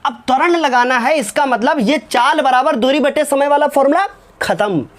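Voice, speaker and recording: Here a man teaches physics at the whiteboard, solving numericals step by step in a very high-pitched voice at moderate speed. Fatherly and fond, he uses pet names for his students and checks often that they understand.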